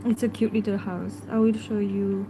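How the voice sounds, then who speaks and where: A native French speaker with a French accent hosts a casual livestream, answering viewers hesitantly with lots of fillers and now and then murmuring softly to her pet. Her mid-range voice stays level at a normal speed over a noisy background.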